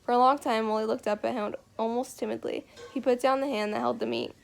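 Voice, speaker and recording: Woman reading a novel aloud, gravelly. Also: fairly high pitch, fairly even intonation, fast talker. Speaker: reader.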